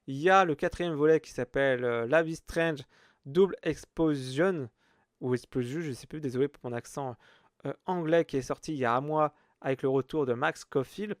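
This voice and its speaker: A man's voice: mid-range voice, brisk, no room sound, studio quality. A man hosting a casual solo podcast, rambling with lots of hesitations. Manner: rambling, many hesitations and fillers. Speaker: podcast host.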